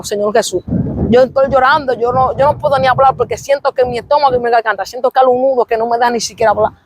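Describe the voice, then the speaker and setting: High-voiced woman giving a fervent testimony. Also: a little hiss or hum. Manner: fervent, repetitive storytelling with exclamations of praise. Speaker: interview guest. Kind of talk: emotional religious testimony.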